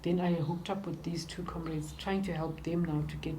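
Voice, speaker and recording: Older woman, South African accent, mellow and slightly low voice, reflective halting interviewee, faint background noise. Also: fairly even intonation. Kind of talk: recounting life and work in an interview.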